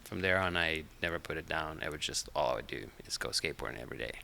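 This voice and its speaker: Deep gravelly Finnish-born man. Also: quick pace, a little hiss or hum. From Finland. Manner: relaxed, hesitant, with many fillers. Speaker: podcast guest. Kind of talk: casual interview chat.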